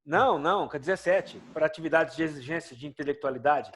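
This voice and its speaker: A man's voice: fairly high pitch, fast, fairly bright tone, slight background noise. A male teacher giving a conversational classroom lecture with a Brazilian Portuguese accent, often asking his students questions.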